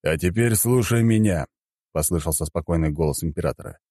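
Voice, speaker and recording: A man voicing a calm, commanding male emperor who speaks slowly and coldly. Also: very deep voice, slightly rough, dry recording, studio quality. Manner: calm, slow, cold.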